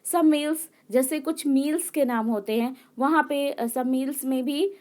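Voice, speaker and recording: A woman teaching an English grammar lesson. She reads each rule slowly, then explains it again and again, checking in with her listeners as she goes. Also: sits high, darkish tone. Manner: explains slowly, repeats words and checks in with "okay".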